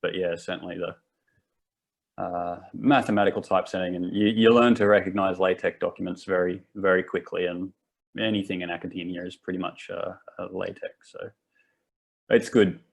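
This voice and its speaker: A deep, creaky voice with a steady tone carries this casual live workshop, delivered at normal speed. The host, an Australian man in his twenties, rambles comfortably and keeps starting his sentences afresh.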